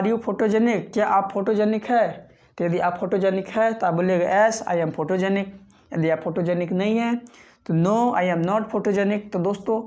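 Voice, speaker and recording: A man from Bihar, teaching a spoken English lesson. He repeats example sentences slowly and keeps checking in with viewers as friends. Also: high voice, a little mellow. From Bihar, India. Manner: repetitive drilling, reads example sentences slowly.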